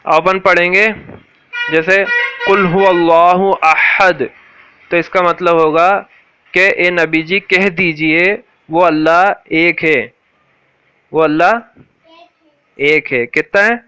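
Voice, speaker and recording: A man gives a patient Quran pronunciation lesson, his voice bright and crisp. He repeats words slowly and checks whether his listener follows. The sound is dry and close. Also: a little high, fairly even intonation, no echo. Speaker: teacher.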